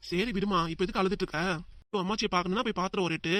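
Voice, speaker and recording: A woman voicing a calm, coaxing elderly grandfather who keeps the peace in a family cartoon. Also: mid-range voice, very fast, no echo, studio quality, natural voice. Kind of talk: cartoon dub acting.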